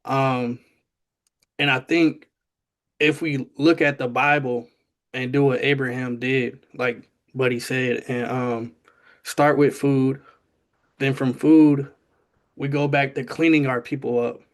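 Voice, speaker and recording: A man's voice: medium pitch, fairly even intonation, slow, long pauses. A man in the audience sharing an earnest comment, hesitant with frequent ums and restarts. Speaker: audience member asking a question.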